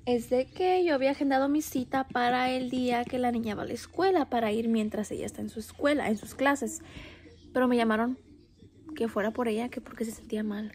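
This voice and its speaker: Breathless pregnant woman with a high, joking voice. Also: darkish tone. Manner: joking, switches between Spanish and English. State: heavily pregnant, short of breath. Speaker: vlogger. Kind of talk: casual vlog chat.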